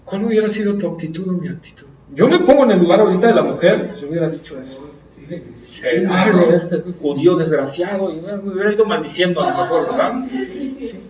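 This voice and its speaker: A man's voice: high voice, animated, fast, crowd noise. A man preaching fervently, often asking his listeners questions. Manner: fervent, asks the audience questions. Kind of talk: sermon. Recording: echoey room from far off, dull and lo-fi.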